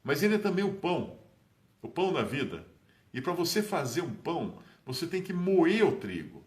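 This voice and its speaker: Male preacher, conversational teaching tone, animated delivery with big pitch lifts, roomy recording. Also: normal speed. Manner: animated, dramatic rises in pitch on key phrases. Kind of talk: informal Bible teaching.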